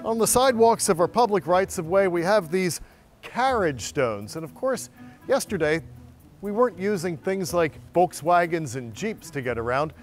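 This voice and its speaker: Man, middle-aged, animated tour guide, slightly high voice, faint music underneath, outdoor lapel mic. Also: normal speed. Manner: storytelling, lively, playful asides. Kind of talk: on-camera walking tour presentation. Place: outdoors on historic city streets and alleys.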